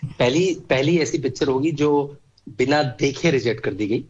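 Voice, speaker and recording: A man's voice: medium pitch, moderate pace, a little mellow, slightly rough, highs cut off. A man speaking as a guest in a conversation, giving emphatic political commentary and stacking up long lists of examples. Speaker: guest, author.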